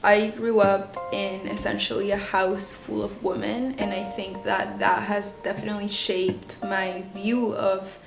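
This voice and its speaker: A woman in her twenties from Chile, a student speaking earnestly and thoughtfully about herself, pausing to search for words. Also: medium pitch, little pitch movement, vocal fry. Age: 20s. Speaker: student interviewee. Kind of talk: personal reflective talk. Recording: echoey room with guitar music.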